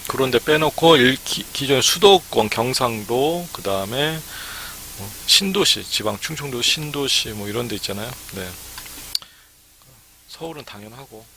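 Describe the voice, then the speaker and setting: A man's voice: mid-range voice, expressive, moderate pace, bright, forceful tone, a little hiss or hum. A man giving a live-streamed lecture to would-be academy owners, chatty and peppered with "ne" fillers. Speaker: academy startup consultant.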